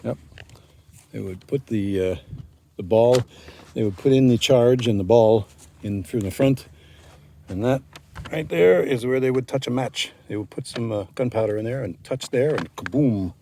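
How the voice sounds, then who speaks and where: A man's voice: mid-range voice, mellow, slight background noise. Rambling man on a walking tour. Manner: rambling, many pauses and fillers. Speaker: tour guide vlogger. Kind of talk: casual walking-tour narration. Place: outdoors at a hilltop fortress.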